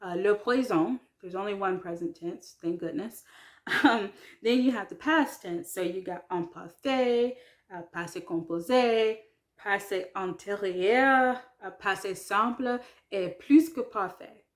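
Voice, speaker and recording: A woman's voice: medium pitch, unhurried. A woman talking casually to camera as a vlogger about learning a language, chatty and hesitant, with many fillers. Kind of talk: casual vlog talk.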